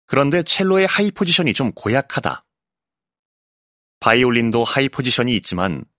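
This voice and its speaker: A male voice actor reading an essay audiobook in a calm, clear narrating voice, recorded close in a studio booth. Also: medium pitch, no echo. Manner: calm, clear narration with lively, expressive intonation.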